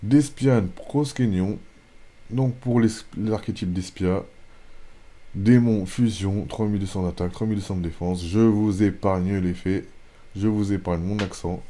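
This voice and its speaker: A man's voice: fairly low pitch, measured pace. French man reading out card names. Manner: reads card names in a steady list, bursts into excited exclamations. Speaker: YouTuber opening card packs. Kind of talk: casual pack-opening commentary.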